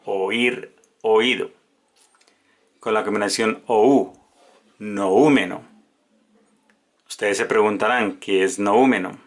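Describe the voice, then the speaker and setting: Slow, deliberate low-voiced male teacher. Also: a bit bright. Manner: slow, deliberate word-by-word dictation of examples. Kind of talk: educational video lesson.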